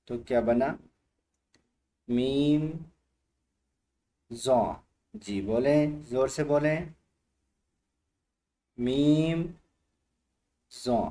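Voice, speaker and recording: A man's voice: mid-range voice, warm tone. A man teaching Quran reading letter by letter, patiently repeating each letter and asking the learner to say it aloud. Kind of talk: slow letter-by-letter recitation lesson.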